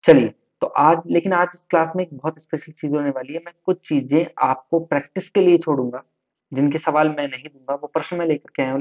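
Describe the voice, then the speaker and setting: A slightly unwell man teaching an online exam-prep lesson, repeating each word to drill it. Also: on the high side. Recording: tinny phone-like sound.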